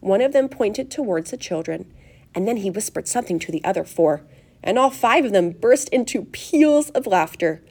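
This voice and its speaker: A woman narrating a children's novel aloud, expressive and animated. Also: medium pitch, normal speed.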